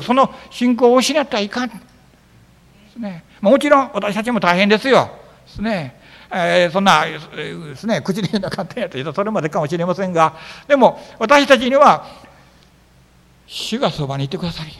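A man's voice: high voice, creaky, long reverb tail. A man, preaching as pastor, telling stories and acting out the disciples' lines. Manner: animated storytelling, acting out biblical dialogue. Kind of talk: sermon. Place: church sanctuary.

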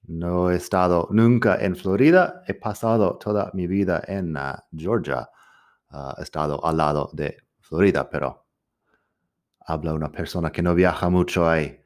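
A man's voice: low voice, moderate pace. A man teaching a grammar lesson, patiently repeating each example and translating it. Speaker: English teacher.

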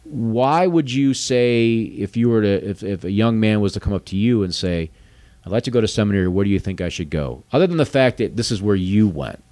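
Guy with a fairly low voice asking long careful questions, dry sound. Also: expressive, dark tone, no room sound. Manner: measured, thinks aloud in long qualified sentences. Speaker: interviewer. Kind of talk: conversational interview.

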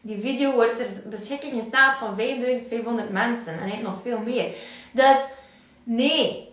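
A woman with a Flemish accent giving an energetic motivational livestream talk, acting out inner voices. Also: fairly high pitch, moderate pace. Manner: energetic, acts out inner voices, laughs often. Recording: very echoey room, mic at a distance.

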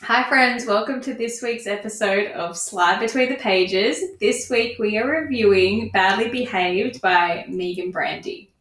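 A woman co-hosts a casual book review podcast. Her pitch is average for a woman, and the room around her voice is noticeably echoey. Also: unhurried, few pauses, a bit bright. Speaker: podcast co-host.

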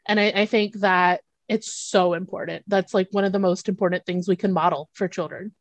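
A woman's voice: medium pitch, brisk, no room sound. A woman, a children's therapist, telling stories in a casual conversation, acting out the quotes and speaking frankly and informally. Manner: animated storytelling with acted-out quotes. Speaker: guest, children's behavior therapist.

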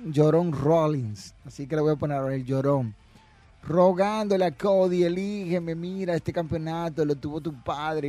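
A man's voice: on the high side, darkish tone, no room sound. A man hosting a wrestling podcast, giving brash, mocking commentary and reading viewer comments. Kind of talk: casual opinionated commentary.

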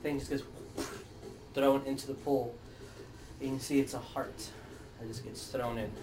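A man running a tabletop game as game master, narrating off the cuff and often pausing mid-sentence. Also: mid-range voice, level tone, background noise. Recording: echoey room, distant mic, music behind.

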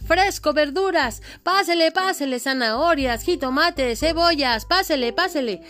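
A woman's voice: high voice, measured pace, a bit bright, pitched above the performer's own voice. A woman playing a market stall vendor, hawking produce in hyped, repetitive barker calls with a Mexican accent. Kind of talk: market-seller role-play.

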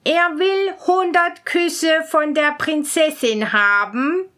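A woman's voice: sits high, takes it slowly, fairly bright tone, voice pushed up. A woman voicing a prim, flustered young court lady, shocked and fussy. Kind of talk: storybook reading.

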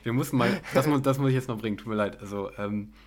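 A young man co-hosting a podcast in a relaxed, chatty way, laughing easily. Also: medium pitch, quick pace. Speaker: podcast co-host. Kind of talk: casual chat.

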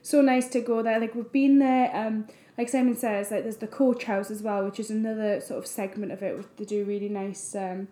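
A woman's voice: mid-range voice, fairly even intonation, normal speed, hardly any pauses, warm tone. A young woman, a wedding photographer chatting casually as a podcast co-host with lots of fillers. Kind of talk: casual chat. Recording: echoey room.

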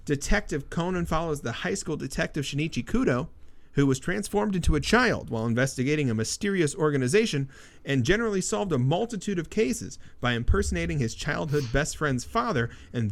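A man hosting a casual podcast about comics, his voice sitting a bit high for a man. He talks loosely and jokes around, laughing often between his lines and filling gaps with ums and uhs. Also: very animated, fairly quick, gravelly. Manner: jokey, laughs often, many fillers. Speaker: podcast host. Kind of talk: casual chat.

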